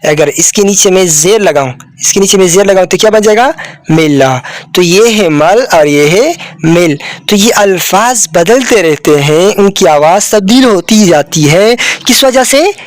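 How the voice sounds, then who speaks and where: A man's voice: high voice, expressive, measured pace, no echo. A man teaching a children's Urdu lesson, who addresses the listener as a child, asks questions and answers them himself, and repeats words often.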